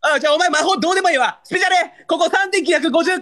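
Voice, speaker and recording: A man's voice: extremely high pitch, rapid-fire, pushed and bright. A young man with a Kansai accent, a livestreamer bantering in mock anger and pleading with viewers for gifts. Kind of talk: live-stream battle banter.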